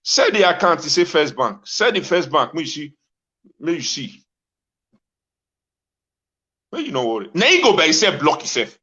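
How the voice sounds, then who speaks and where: A man hosting a talk show, Nigerian in accent, pours out an informal, impassioned Pidgin rant with exclamations and insistent repetition. His slightly high voice swings widely in pitch and is bright and forceful, moving fairly quickly. The recording is dull and lo-fi.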